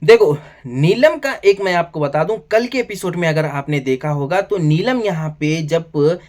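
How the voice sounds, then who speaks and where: A man giving a casual video review of a TV show, excitable and calling the listener "brother" again and again. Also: on the high side, measured pace. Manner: excitable, addresses listener as "bhai" constantly.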